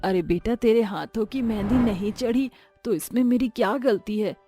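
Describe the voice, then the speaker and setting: A woman voicing a gentle, pleading old mother-in-law in a storybook tale, speaking softly and meekly. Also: fairly high pitch, moderate pace, soft background music, close to an everyday voice. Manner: soft, meek and pleading. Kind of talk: storybook voice acting.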